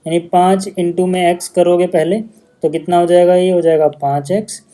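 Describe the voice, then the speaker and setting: A man's voice: sits high, flat delivery, moderate pace, mellow. A male maths teacher, patiently explaining steps in a casual lesson video.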